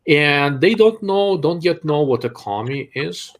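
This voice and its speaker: Hosting a live Q&A, this man speaks with a Russian accent in a slightly high, expressive voice at a measured pace, with a bit of background noise. His replies to viewers are blunt and dryly sarcastic.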